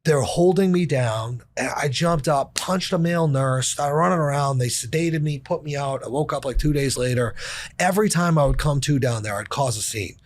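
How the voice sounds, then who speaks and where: A man's voice: a little high, normal speed. A man talking as a podcast guest, telling a personal story in a blunt, profane, casual way with lots of fillers.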